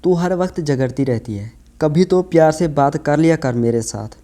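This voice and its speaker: A weary village husband, voiced by a male narrator, speaks to his wife in a plain, gentle way. The voice sits a little high yet sounds warm and mellow. It is a spoken story told in a calm reading voice. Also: close to an everyday voice.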